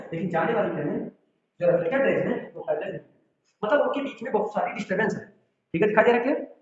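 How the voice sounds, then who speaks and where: High-voiced physics teacher. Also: male voice. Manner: explains step by step, checks with students. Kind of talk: classroom lecture. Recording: echoey room, far from the mic, dull sound.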